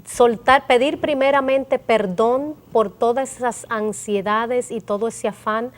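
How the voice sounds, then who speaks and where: A woman's voice: fairly high pitch, steady tone, measured pace. Earnest woman sharing a prayer testimony. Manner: earnest, emotional storytelling with quoted prayers. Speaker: guest.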